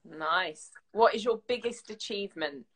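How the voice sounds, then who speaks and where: A woman's voice: mid-range voice, fairly bright tone, slightly rough. A woman interviewer, reading fan questions in a chatty, upbeat manner on a live stream. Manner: chatty, upbeat, quick reactions.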